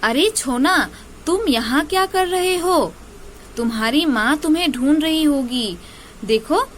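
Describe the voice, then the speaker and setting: A woman's voice: high-pitched, expressive, measured pace, slight background noise, pitched above the performer's own voice. A woman teacher voicing a kind male owl who reassures a lost fawn in a storybook tale. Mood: concerned. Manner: reassuring, coaxing.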